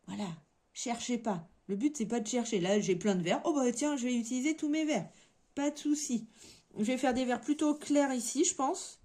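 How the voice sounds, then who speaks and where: A woman's voice: fairly high pitch, dark tone. A woman with a French accent hosting a casual coloring-along, chatting and thinking aloud as she works. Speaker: coloring channel host.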